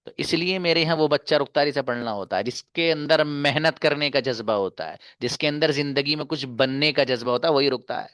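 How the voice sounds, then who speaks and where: A male English teacher giving a classroom lesson, chanting conjugation drills in quick runs and lecturing students earnestly, calling them brother and dear. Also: fairly high pitch, a bit bright, no echo, studio quality. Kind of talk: classroom lesson in Hindi-Urdu.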